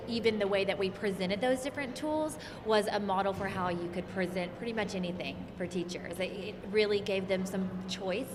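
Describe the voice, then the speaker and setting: A woman from Texas, an instructional coach, answering interview questions quickly and assuredly. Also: mid-range voice. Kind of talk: conference interview. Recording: noisy reverberant hall.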